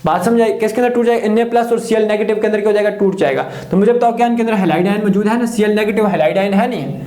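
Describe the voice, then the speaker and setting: Speaking very fast in a high-pitched, dark-toned voice, a Pakistani man teaches chemistry in a classroom lecture. He throws out questions, supplies the answers himself, and keeps repeating the key terms. Echo from the room is audible.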